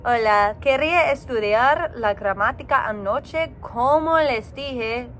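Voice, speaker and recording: A tired woman who is a native English speaker with an American accent, recording a casual video diary in a learner's slow, careful Spanish, searching for words and laughing at herself. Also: on the high side, a bit bright, soft background music.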